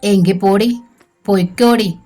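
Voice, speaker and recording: A woman's voice: mid-range voice, steady tone, unhurried, mellow, soft background music, lightly acted. A woman voicing a furious middle-aged mother who barks harsh orders. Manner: scolding, harsh commands.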